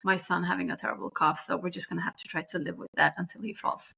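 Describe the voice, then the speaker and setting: A woman's voice: on the low side, steady tone, gravelly, sharp tone, slightly rough. A Norwegian woman with a Norwegian accent hosting a podcast in a chatty, joking way. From Norway. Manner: chatty and friendly, quick to joke. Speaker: podcast host. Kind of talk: casual podcast chat.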